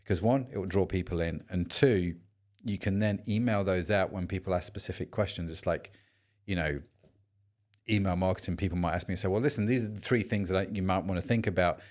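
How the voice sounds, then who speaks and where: A man's voice: low voice, fairly quick, a little mellow. A man co-hosting a business podcast, talking in a chatty, rambling way and joking around. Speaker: podcast co-host. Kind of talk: casual podcast chat.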